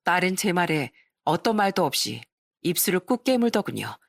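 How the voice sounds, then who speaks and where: A woman's voice: fairly low pitch, big pitch swings, normal speed, creaky, no echo, clean studio sound. A middle-aged woman giving an emotional, confessional first-person story narration.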